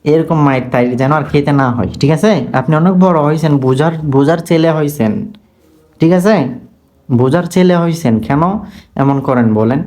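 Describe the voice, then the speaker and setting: A man, a Quran tutor gently scolding and coaxing his student on camera, asking question after question. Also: fairly high pitch, quick pace.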